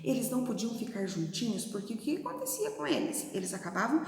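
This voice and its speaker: A Brazilian woman teaching young children in a recorded video lesson, patiently sounding out syllables slowly and using gentle diminutives. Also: a little high, huge pitch swings. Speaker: primary school teacher. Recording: echoey room with long reverb.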